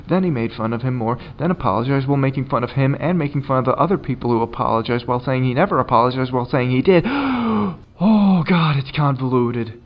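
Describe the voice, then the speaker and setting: A man's voice: medium pitch, lo-fi sound. A man doing casual commentary, sarcastic and swearing often. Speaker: commentary YouTuber.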